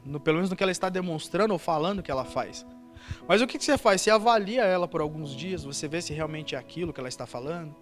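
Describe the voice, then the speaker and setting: A man's voice: high-pitched, fairly bright tone. A Brazilian man preaching a sermon as pastor at a church service, telling a story with repeated emphatic words. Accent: Brazilian Portuguese.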